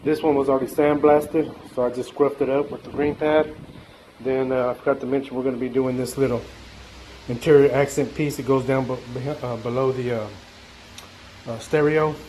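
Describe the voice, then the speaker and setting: A man's voice: medium pitch, fairly even intonation, a little fast, dark tone, slight background noise, low-quality recording. A man narrating his own workshop vlog in a loose, chatty way, with many fillers and restarts. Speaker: DIY vlogger.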